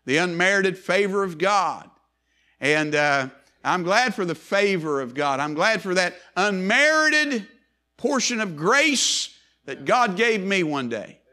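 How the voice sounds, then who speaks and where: An older male pastor preaching to his church in a high, bright, ringing voice. He repeats key phrases and stretches out the words he stresses. His delivery is earnest and emphatic. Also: lively intonation, takes it slowly. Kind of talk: sermon.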